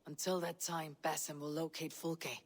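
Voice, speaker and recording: A stern Viking warrior woman in a video game. Her voice is very low and husky, and she speaks in grave, measured, formal phrases with a weary weight. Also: little pitch movement. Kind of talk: scripted video game acting.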